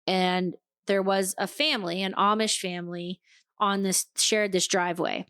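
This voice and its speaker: A woman co-hosting a podcast tells a story in loose, casual chat. She is animated and swears freely, acting out the lines of the people in it. Her voice sits at an ordinary pitch, close on the mic in a dry room. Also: moderate pace, clean tone, dry recording. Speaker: podcast co-host.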